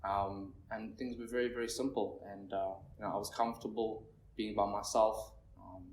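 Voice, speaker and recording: Standing before a meeting-room audience, a nervous Zimbabwean man in his twenties recounts his recovery, his words shaky, halting, and meandering, with plenty of fillers. His voice is on the low side with a steady tone. The sound is echoey, picked up by a distant mic over faint noise.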